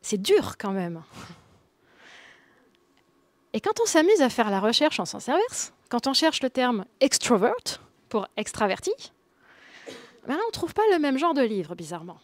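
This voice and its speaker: A woman's voice: on the high side, very animated, moderate pace, no room sound. A woman in her thirties giving a conference talk, conversational, with quips and laughs for the audience. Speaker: conference speaker.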